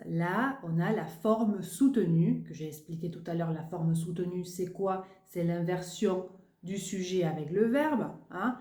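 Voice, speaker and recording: A woman's voice: medium pitch, mellow. A woman teaching French grammar in a lesson, explaining patiently and repeating example questions with rising intonation. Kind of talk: language lesson switching between French and Spanish. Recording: echoey room.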